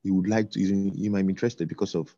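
A man speaks in a very low, mellow voice, stopping and restarting his phrases with lots of ums. The sound is dry and a little dull, like a lo-fi recording. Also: steady tone, dry recording. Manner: halting, repeats words, many fillers. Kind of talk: casual conversation.

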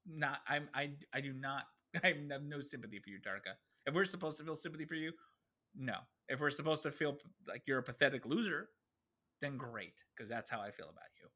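A man's voice: mid-range voice, animated, brisk, bright, forceful tone. A man co-hosting a casual podcast, talking animatedly and swearing freely while he acts out characters' lines. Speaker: podcast co-host. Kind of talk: casual chat.

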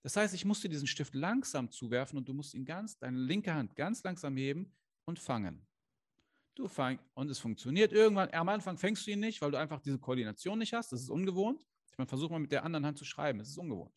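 A man with a high-pitched voice talks to camera as a life coach. He is earnest and direct, firing off rhetorical questions and sprinkling in Islamic phrases. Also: expressive, quick pace. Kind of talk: motivational coaching talk to camera. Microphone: camera he adjusts himself.

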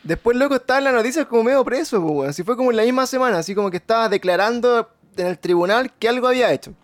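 A man's voice: extremely high pitch, lively intonation, very fast, dry recording. A Chilean man chatting casually in a rambling, slangy way, with lots of restarts. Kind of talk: casual chat.

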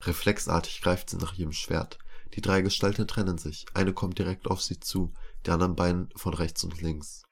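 A man reading a fantasy story aloud as narrator, with an even storytelling manner. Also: low voice, moderate pace, vocal fry, few pauses, slightly rough.

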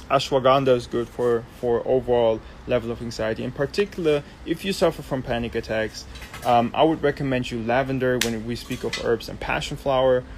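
A young German man hosts a casual live Q&A, answering viewer questions and explaining things loosely with lots of ums and restarts. His voice is mid-range, and there's a little hiss or hum.

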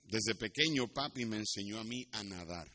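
A Puerto Rican pastor preaches with a Puerto Rican accent, teaching scripture and sharing personal stories didactically, with the occasional aside in English. His voice is on the low side, bright and forceful, at a moderate pace.

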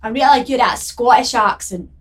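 A woman's voice: fairly high pitch, moderate pace. A woman co-hosting a podcast in casual, jokey chat, often laughing. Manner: chatty and giggly, jokey. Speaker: podcast co-host.

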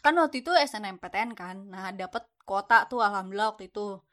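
This young adult woman, a university student, relates her story in a chatty, slangy Jakarta style stuffed with fillers. Her voice is medium-pitched and a bit bright, and she moves at a quick pace.

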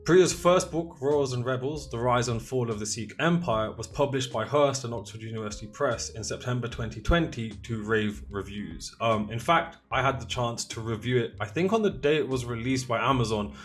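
A man's voice: mid-range voice, moderate pace, hardly any pauses. Male podcast host, conversational interview style.

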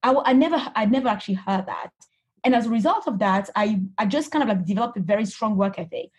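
A husky-voiced woman from Cameroon talks as a guest in an interview. She answers reflectively, circling back and restarting her sentences with plenty of "you know". Her pitch sits in an ordinary middle range. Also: animated, fast, darkish tone. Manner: reflective, with frequent restarts and fillers.

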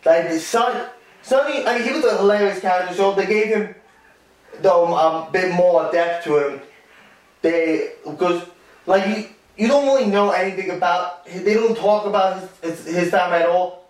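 A man co-hosting a casual chat rambles about a musical and its film adaptation, full of fillers and restarts. His voice sits high and moves at a moderate pace, recorded distant from the mic in an echoey room.

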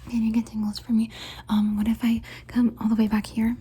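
A woman doing fast-paced whispered ASMR, repeating words and phrases insistently in a pleading way. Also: a little high, little pitch movement, warm tone, husky. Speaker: ASMR performer.

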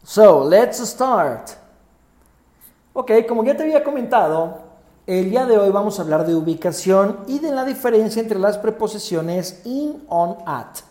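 A man's voice: sits high, expressive, moderate pace, dark tone, reverberant. A man hosting a podcast English lesson, patiently repeating words for listeners to say with him. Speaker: English teacher, podcast host.

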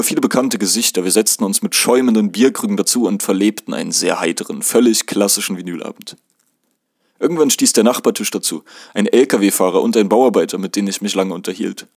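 A man from Germany reading his first-person memoir aloud in a measured, calm way. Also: on the low side, no room sound, clean studio sound. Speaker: narrator.

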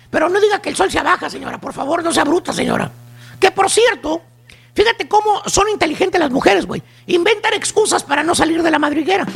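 A man with a Mexican accent rattles off a teasing comedy bit, his voice pitched extremely high and full of gravelly fry. He mocks as he goes, tagging almost every line with "güey". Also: fairly bright tone. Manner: mocking, teasing, peppers lines with "güey". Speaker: comedy segment performer on a morning radio show. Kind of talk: comic monologue with mocking quoted voices.

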